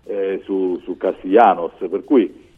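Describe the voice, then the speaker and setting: A man's voice: deep voice, steady tone, slow, slightly rough, narrow, tinny audio, soft background music. A man giving discursive, explanatory football commentary as a pundit on a live radio talk show.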